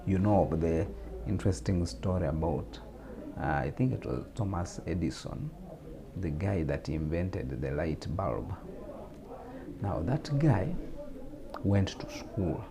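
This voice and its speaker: A Ugandan man with a deep voice and a Ugandan English accent explains things as a guest on a religious talk show. His delivery is measured and explanatory, with repetitions and fillers throughout.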